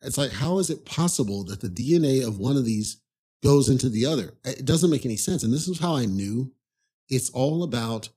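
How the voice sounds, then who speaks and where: A man with a husky, slightly breathy voice at an ordinary middle pitch talks through a personal story as a podcast host. His delivery is loose and conversational. He circles back on himself and scatters "you know" through his sentences, with an exasperated edge. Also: expressive, brisk, dark tone. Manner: rambling, conversational, frequent "you know" asides. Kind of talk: casual storytelling monologue.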